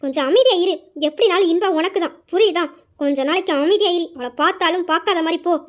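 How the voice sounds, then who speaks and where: A woman's voice: very high-pitched, fast. A woman voicing a scheming middle-aged mother who coaxes her son in an amateur audio drama. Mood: coaxing. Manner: coaxing, conspiratorial.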